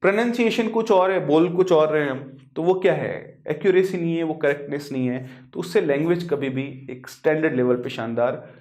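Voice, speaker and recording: Higher-voiced teacher from western Rajasthan. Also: male voice, moderate pace, darkish tone. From western Rajasthan, India. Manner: explains with examples and rhetorical questions, mixes in English words. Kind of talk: spoken lecture.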